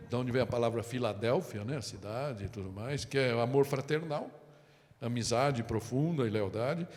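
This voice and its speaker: A man preaching a sermon with a Brazilian Portuguese accent, telling stories with acted-out quotes and often turning to the congregation with "amém?". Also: mid-range voice. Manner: animated storytelling with acted quotes and asides. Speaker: pastor. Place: church hall. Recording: long hall reverb.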